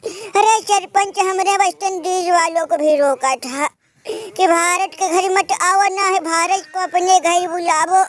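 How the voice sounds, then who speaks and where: A man's voice: very high voice, fairly even intonation, takes it slowly. A man voicing a wailing, self-pitying rustic village man, in a comic cartoon voice full of sing-song laments and earthy slang.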